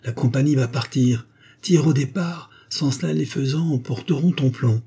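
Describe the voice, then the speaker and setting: A man voicing a jovial, excitable older baron out hunting, with loud hearty exclamations, in a storybook reading. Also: mid-range voice, normal speed, husky, pitched above the performer's own voice. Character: jovial hot-tempered older male baron hunter.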